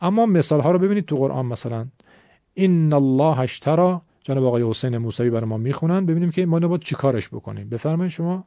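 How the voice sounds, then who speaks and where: A man's voice: medium pitch, expressive, creaky, hardly any pauses, dark tone, no echo, dull audio. A man teaching a Quran reading lesson, explaining patiently and politely to his viewers.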